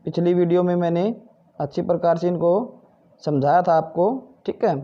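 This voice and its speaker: A male teacher guides students through Hindi textbook exercises at a moderate pace, his voice a little high and level over lo-fi sound. He is patient, answers his own questions, and often uses "ठीक है" and "भाई".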